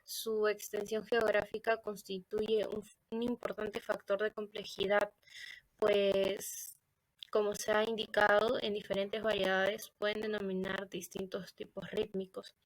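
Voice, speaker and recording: A woman's voice: medium pitch, level tone, a little slow, no echo, rough recording. A woman with a Latin American Spanish accent giving a recorded class presentation, hesitant, with many fillers and self-corrections. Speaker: student presenter. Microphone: computer microphone.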